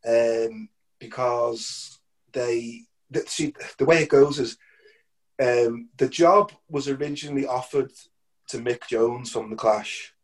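A middle-aged man, a musician guest in a casual interview, telling stories in an animated way, repeating words and laughing often. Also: mid-range voice, takes it slowly. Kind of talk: casual anecdotal storytelling.

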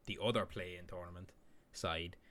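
A man's voice: sits low, fairly even intonation, normal speed, a bit bright. A man co-hosting a casual sports podcast, with a rambling, filler-heavy way of breaking down games. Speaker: podcast co-host. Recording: faint background hiss.

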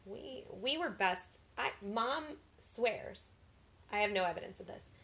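A woman in her thirties co-hosting a podcast with a husky voice and dry, teasing humor. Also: mid-range voice, expressive, a little slow, a bit bright. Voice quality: husky today. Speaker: podcast co-host. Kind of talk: casual chat.

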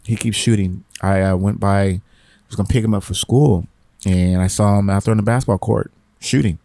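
A man's voice: lowish voice, steady tone, moderate pace, creaky, mellow, no room sound. A middle-aged man hosting a podcast, giving rambling, encouraging motivational talk and repeating his phrases. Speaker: podcast host.

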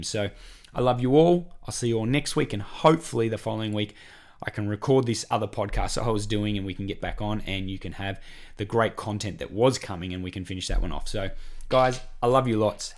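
A lowish, fast-talking Australian man, croaky and hoarse from coughing, hosts a solo podcast as a weight-loss coach. His style is friendly, motivating and repetitive.

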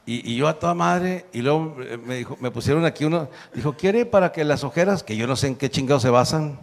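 A man's voice: mid-range voice, fast talker, vocal fry, in a large hall. A man in his sixties from northern Mexico, with a northern Mexican accent, telling a crude, profane stand-up story and laughing through the punchlines. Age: 60s. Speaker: comedian.

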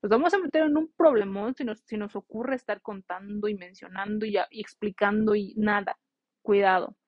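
A woman's voice: mid-range voice, normal speed, no room sound. A young woman nurse talking casually and earnestly to nursing students, telling a heartfelt story and giving direct advice. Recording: slightly dull, dry recording.

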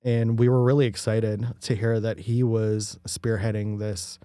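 A man's voice: on the low side, level tone, measured pace, dark tone, dry recording, clean studio sound. A man co-hosting a casual space news show, enthusiastic and upbeat. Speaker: podcast co-host.

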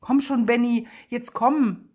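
Eine Frau spricht einen frechen, abenteuerlustigen kleinen Jungen, der laut und aufgeregt quiekt. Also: female voice, a little high, slow pace, breathy edge, voice pushed up. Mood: urgent. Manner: loud, excited and squealing when disgusted. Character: cheeky adventurous young boy.

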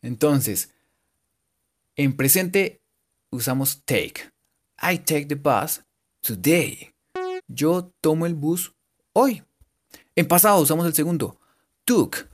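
A man giving a casual, joking English lesson and repeating English words slowly for his students. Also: fairly high pitch, expressive. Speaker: English teacher. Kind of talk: casual bilingual language lesson.

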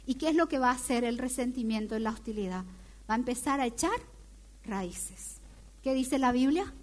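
A woman delivers a sermon in a high, clear voice. She talks in a lively way and keeps turning to her listeners with questions. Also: normal speed. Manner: lively, asks the audience questions. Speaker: preacher.

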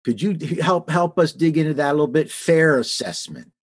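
A man's voice: a little high, expressive, brisk, husky. A man hosting an interview podcast, affirming his guests and inviting them to say more. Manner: encouraging, affirming, keeps the guests talking. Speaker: podcast host. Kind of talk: conversational interview.

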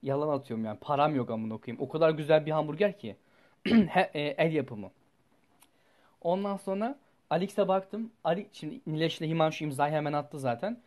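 A man's voice: a little high, fairly quick. Young man ranting through a story. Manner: rambling and animated, swears freely. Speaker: student telling a personal story. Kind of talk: casual storytelling vlog.

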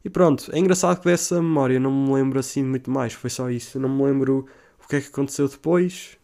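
A young man with a European Portuguese accent tells a story in casual, profane, rambling talk, with English slang mixed in and high shouts as he acts out his own cries. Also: fast, creaky.

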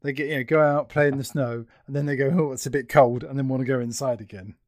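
A man's voice: medium pitch, fairly even intonation, fast talker, no room sound, clean studio sound. A middle-aged man hosting a casual conversational interview. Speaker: interview host.

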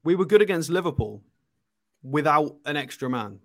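Insistent, higher-pitched man debating football. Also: animated, normal speed. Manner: argumentative, insistent. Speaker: football panellist. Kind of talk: live panel debate.

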